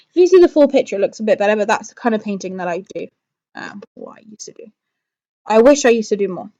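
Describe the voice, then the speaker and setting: A woman with a fairly high voice chats casually as a live stream host. She rambles and thinks aloud, second-guessing herself as she talks to her viewers. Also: mellow, dull audio. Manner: rambling, thinking aloud, changes own mind.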